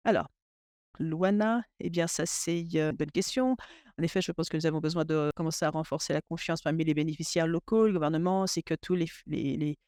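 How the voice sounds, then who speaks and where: A man interpreting a webinar panel discussion into French in real time, halting and often restarting his sentences. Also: fairly high pitch, a little mellow, smooth, no room sound, studio quality. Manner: halting, with frequent restarts and fillers. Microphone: remote webinar audio.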